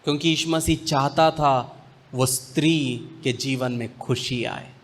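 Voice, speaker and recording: A male pastor preaching a sermon, slipping English phrases in among slow, weighty pauses. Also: mid-range voice.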